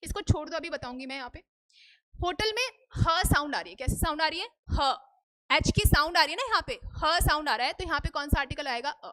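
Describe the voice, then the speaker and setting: तेज़ ऊँची आवाज़ वाली शिक्षिका. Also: female voice, high voice, lively intonation, fast talker, pushed and bright. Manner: asks students questions and answers them herself, repeats "ठीक है?". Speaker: English teacher. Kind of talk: Hindi-English grammar lesson. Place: classroom.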